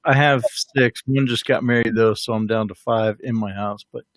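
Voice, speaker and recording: A man in his forties co-hosting a casual ministry livestream from home, speaking in an easygoing, agreeable way with halting fillers. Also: medium pitch, fairly even intonation, no room sound, clean studio sound. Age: 40s. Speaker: ministry co-host who prays for viewers.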